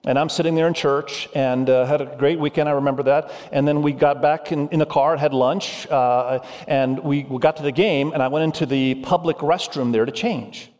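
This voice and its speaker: Male pastor, raised in Indonesia, preaching with animated urgency; raised pitch, long hall reverb. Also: moderate pace, few pauses. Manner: animated preaching, urging the congregation. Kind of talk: sermon.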